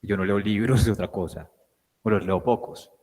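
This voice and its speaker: A man's voice: lowish voice, fairly even intonation, normal speed, a little mellow, big-room sound. A man giving a guest lecture, explaining word parts and often asking "right?" to check that the class follows. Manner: explains with questions, checks understanding with "¿sí?".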